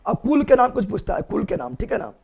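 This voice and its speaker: Gravelly high-voiced teacher quizzing fast. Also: male voice, sing-song, darkish tone. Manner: rapid-fire quizzing, repeating key terms. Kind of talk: classroom-style online lesson.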